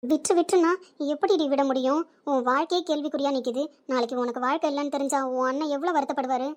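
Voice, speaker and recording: A woman's voice: high voice, steady tone, very fast, lightly acted. A woman voicing a young female friend who urges and persuades her friend. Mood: pleading. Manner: urging, persuasive.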